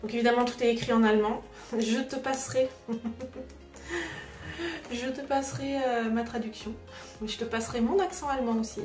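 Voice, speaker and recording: A woman's voice: fairly high pitch, fairly even intonation, a little fast, pauses often, a little mellow, distant mic. A woman hosting a casual craft unboxing vlog, chatty and hesitant, with many filler sounds. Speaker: craft vlogger host. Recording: roomy echo, voice away from the mic, music behind. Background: background music.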